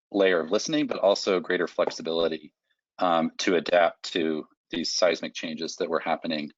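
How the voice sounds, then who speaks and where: A man answering as a panelist on a webinar, speaking in a halting way with many pauses and restarts. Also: low-pitched, dry recording. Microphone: video call. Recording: dull lo-fi video call audio.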